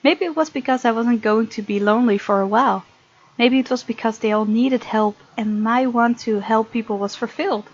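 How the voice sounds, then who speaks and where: A woman hosts a gaming video, reading visual novel text aloud and chatting casually and expressively. Her pitch is fairly high, she talks fairly quickly, and the audio sounds dull.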